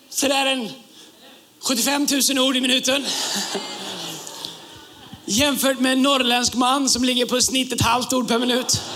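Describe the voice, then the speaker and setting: A male pastor preaching a sermon with humorous asides, rising to shouts at key points. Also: extremely high pitch. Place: church service with campuses.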